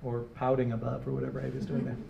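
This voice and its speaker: A middle-aged Detroit designer answers interview questions onstage before a live audience in a small gallery room, rambling casually with lots of fillers and restarts. His voice is medium-pitched, monotone, rapid-fire, gravelly and warm. Captured on a handheld mic, the recording sounds muffled, roomy and distant, with faint hiss.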